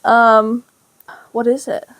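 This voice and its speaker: High-pitched female co-host, animated casual storyteller who acts out conversations. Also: slow pace, rough recording. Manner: animated storytelling, acting out quoted dialogue. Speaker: podcast co-host. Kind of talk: casual chat, personal storytelling.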